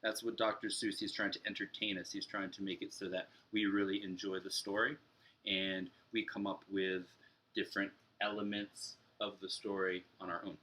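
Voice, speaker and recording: A young man speaks as an elementary teacher, explaining a read-aloud and story structure lesson directly to young pupils from a room at home. His voice sits low with a level tone, bright and forceful, at a normal speed.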